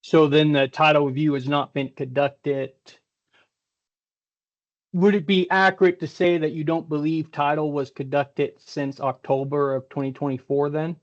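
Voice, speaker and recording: A man questioning a witness as technical examiner at a hearing, heard over a video call, careful and hesitant, with many pauses. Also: on the high side, little pitch movement, lo-fi sound.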